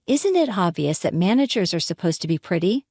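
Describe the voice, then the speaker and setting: A woman's voice: on the low side, sing-song, fairly quick, dark tone, dry recording, clean studio sound. A woman voicing a spiteful, mocking sister-in-law in her thirties, in a condescending, taunting way.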